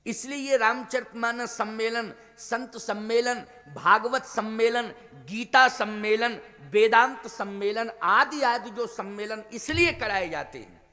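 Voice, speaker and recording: High-voiced preaching man in a hall. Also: measured pace, few pauses, bright, forceful tone. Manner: preaching with rhetorical questions to the audience. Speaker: spiritual teacher giving a Ramkatha discourse.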